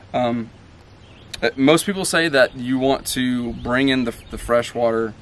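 A man in his thirties talks through his home-build plumbing outdoors at a country building site, explaining each part step by step in an easygoing way, with frequent ums and uhs. His voice sits at an ordinary middle pitch. Faint outdoor noise hums behind him. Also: slow, fairly bright tone. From Tennessee. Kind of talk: casual how-to walkthrough.

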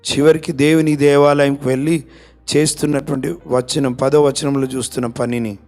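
A man pastor, preaching an impassioned sermon that swings from hushed to shouted. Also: medium pitch, level tone, normal speed, soft background music.

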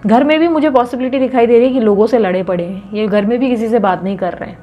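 A woman's voice: a little high, quick pace, dull audio, soft background music. A woman reading tarot for her viewers in a chatty, teasing way, often acting out quoted lines. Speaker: tarot reader.

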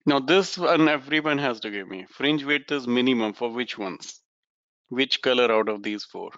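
A man's voice: medium pitch, normal speed, fairly bright tone, no room sound, lo-fi sound. A man with an Indian accent teaching an informal online lesson, conversational and encouraging, mixing Hindi into his English. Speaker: physics teacher. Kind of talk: informal online lesson, explaining problems to students. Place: indoors, online class over webcam.

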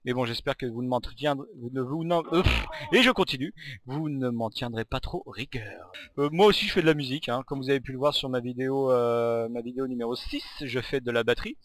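A man giving live commentary while playing a video game. He rambles, stumbles over his words and breaks into excited outbursts at the game. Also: medium pitch, a little fast. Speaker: gamer and channel host.

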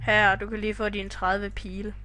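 A woman's voice: mid-range voice, completely flat delivery, bright, forceful tone, a little hiss or hum. A young woman chatting casually while playing a game with a friend, laughing often. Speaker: channel owner, gamer. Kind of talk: casual gaming chat.

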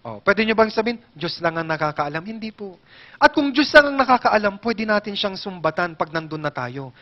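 Filipino male pastor preaching, lively and joking, very high pitch, muffled recording. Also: fairly quick. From Philippines. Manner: animated, jokes with congregation, asks questions. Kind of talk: sermon. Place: church hall.

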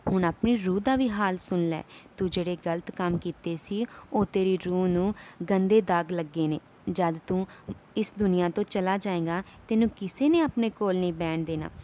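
A woman voicing a calm wise male saint. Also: high voice, close to an everyday voice. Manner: calm, instructive, preaching.

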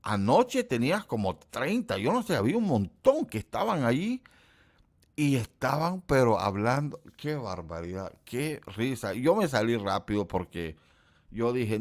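A middle-aged man with a somewhat low voice talks casually to his livestream viewers. He rambles and teases the people in his chat. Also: big pitch swings, moderate pace. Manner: quotes people in a put-on high voice. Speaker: livestream host.

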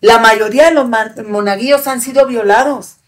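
Here the same kind of scene plays out: a woman in her eighties, seated before a podcast mic on a stand in a cozy brick-walled studio with a sofa, rails against something with fiery, profane indignation. Her voice runs a little high, at an ordinary pace, in heated interview-style talk.

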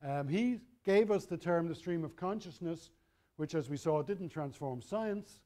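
Middle-aged male lecturer, slightly higher voice, dry humour, casual delivery with frequent self-corrections. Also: animated, unhurried, dark tone. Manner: wry, conversational, self-correcting. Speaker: university lecturer. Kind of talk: university lecture.

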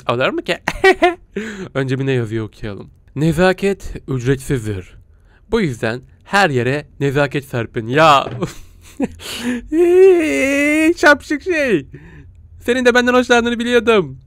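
A man giving joking, excitable let's-play commentary, bursting into laughs and silly noises. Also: medium pitch, dry recording. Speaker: gaming YouTuber.

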